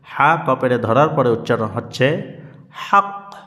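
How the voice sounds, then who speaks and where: Guy teaching quran letters, drags out each syllable, mid pitch, long reverb on it. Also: animated, sharp tone. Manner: slow drilled syllable-by-syllable spelling, asks and answers himself. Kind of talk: spelling-out Quran reading lesson.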